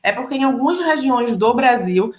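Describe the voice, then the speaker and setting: A woman with a Pernambuco accent from Brazil, teaching French in Portuguese and carefully modeling slow French pronunciation. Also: fairly high pitch, animated, echoey room. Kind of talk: bilingual French lesson.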